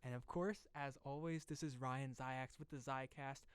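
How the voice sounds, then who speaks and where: A young man hosting a laid-back interview, choosing his words politely and earnestly. His voice is smooth and resonant, recorded close and dry. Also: medium pitch, fairly even intonation, moderate pace, no echo. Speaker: podcast host. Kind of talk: casual interview.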